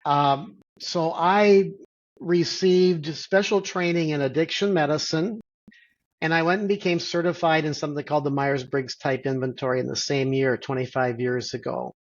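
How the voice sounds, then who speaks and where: A middle-aged man, a physician guest, explaining things in a measured way with many pauses and "and so" fillers over a video call. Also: a little high, fairly even intonation, highs cut off. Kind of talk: interview answer.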